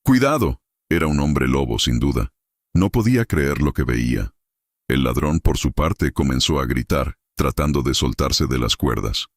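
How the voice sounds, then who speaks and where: A man narrating a horror story in a dramatic, measured storytelling manner. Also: very deep voice, lively intonation, no room sound, clean studio sound.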